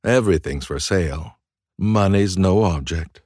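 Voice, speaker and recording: A woman voicing a domineering wealthy man, speaking low and commanding in an audiobook story. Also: measured pace, darkish tone, slightly rough, no echo, clean studio sound, heavily acted.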